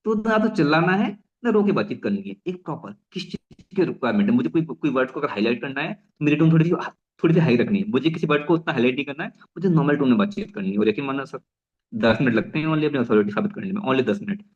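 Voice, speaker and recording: A young man delivers a rapid, energetic business training talk at a middle pitch. He restarts phrases often and slips English into his Hindi. The recording sounds a little muffled. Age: young adult. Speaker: network marketing trainer.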